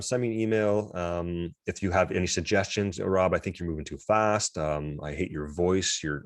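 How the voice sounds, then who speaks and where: A man's voice: fairly low pitch, no room sound, studio quality. A man teaching an online class, talking casually and self-deprecatingly with frequent restarts over a video call. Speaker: instructor.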